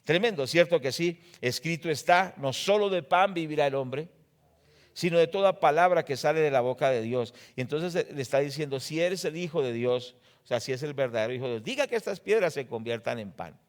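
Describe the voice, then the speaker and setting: A man with a Colombian accent preaching a sermon as pastor, rising loud on scripture quotes and dropping low to explain, often asking the congregation rhetorical questions. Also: expressive, a little fast. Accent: Colombian Spanish. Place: church.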